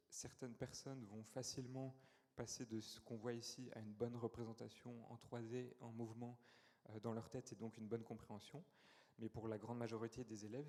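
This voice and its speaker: Man pitching in a conference hall. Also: darkish tone. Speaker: startup founder pitching. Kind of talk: business pitch.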